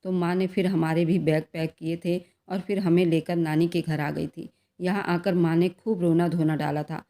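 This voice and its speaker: Mellow-voiced woman telling a story. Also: fairly low pitch. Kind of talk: first-person story narration.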